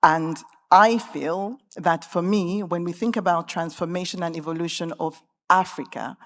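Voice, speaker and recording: Measured woman panelist in hall echo. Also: fairly low pitch, steady tone. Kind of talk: panel discussion remarks. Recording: long reverb of a conference hall.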